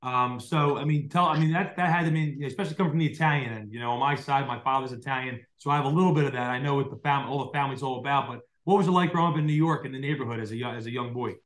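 A young podcast host from South Jersey rambles through a casual video-call interview, packed with fillers and restarts, speaking very fast with hardly any pauses. His mid-range voice is fairly bright; he uses a large desk mic in a dim home room at night, and the recording is rough and echoey.

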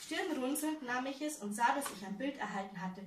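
A woman's voice: high voice, lively intonation, fairly quick. A woman author reading her novel aloud at a fan meeting, with chatty, giggly asides. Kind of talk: live book reading with banter. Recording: roomy, distant mic, faint noise.

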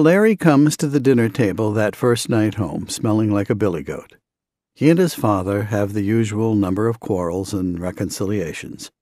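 A man preaches with an earnest, conversational pull, weaving stories into his sermon. His voice sits on the low side with a husky grain, recorded close and dry. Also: darkish tone, no room sound. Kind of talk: sermon with storytelling.

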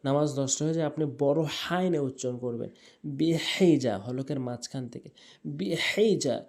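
Mellow-voiced male Quran teacher. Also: medium pitch. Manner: slow drawn-out chanted recitation between plain explanations; repeats right and wrong pronunciations patiently. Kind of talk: Quran recitation lesson.

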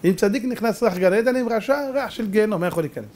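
A rabbi giving a dramatic, animated Torah sermon, acting out voices and shouting for emphasis. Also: male voice, high voice, slight background noise.

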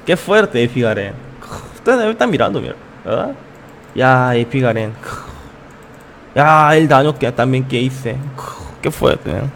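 A man commenting casually on his game live, breaking into high excited yelps and laughs. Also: measured pace, creaky, slight background noise. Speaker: gaming streamer.

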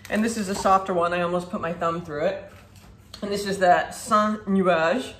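A woman's voice: fairly low pitch, steady tone, normal speed. Chatty woman in an echoey kitchen. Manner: chatty and upbeat, demonstrating food while talking. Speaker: food vlogger. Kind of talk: casual product review. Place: home kitchen, indoors. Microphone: camera at a distance, standing at a counter. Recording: echoey kitchen with faint ambience.

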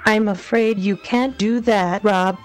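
A woman with a slow, deadpan delivery who mocks the man she is talking to. Her voice sits at a middle pitch, and faint music plays underneath. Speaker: prank caller posing as supervisor.

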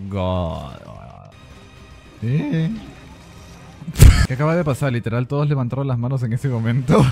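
A man streaming a game in casual chat, excitable, laughing often and repeating phrases. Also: mid-range voice, fairly quick, pauses often, faint music behind.

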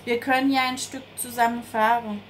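A woman voicing a cheerful, chatty schoolgirl in a storybook reading, bright and eager. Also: fairly high pitch, steady tone, fairly quick, a little hiss or hum, natural voice, rough recording.

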